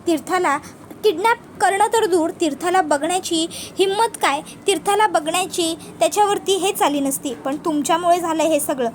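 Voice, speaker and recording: A woman's voice: very high voice, normal speed, a little hiss or hum. A woman voicing a stern young female lawyer who lectures her father-in-law firmly and insistently.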